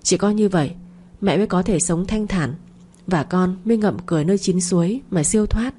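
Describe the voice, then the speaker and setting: A woman's voice: mid-range voice, fairly quick, warm tone, a little hiss or hum, lightly acted. A woman voicing the ghost of a dead baby boy who speaks in a plaintive, reproachful way. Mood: imploring.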